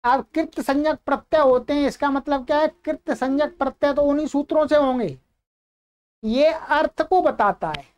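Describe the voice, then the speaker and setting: A woman's voice: high-pitched, darkish tone. Woman teaching Sanskrit grammar. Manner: slow, drawn-out recitation of Sanskrit examples; asks and answers her own questions. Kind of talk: explanatory lesson.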